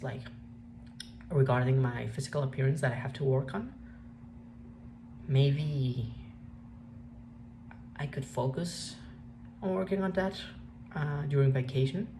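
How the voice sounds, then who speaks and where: Hesitant young woman, Mexican accent. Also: very deep voice. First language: Spanish. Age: young adult. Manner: hesitant, halting, frequent restarts and fillers. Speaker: vlogger. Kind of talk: reflective personal vlog monologue. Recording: steady background noise.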